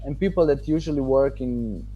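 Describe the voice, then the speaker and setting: With soft music in the background and lo-fi sound, a man from Romania, Romanian by first language, answers casual interview questions as a student giving a testimonial. His mellow, mid-range voice halts often, pausing and restarting as he considers his words.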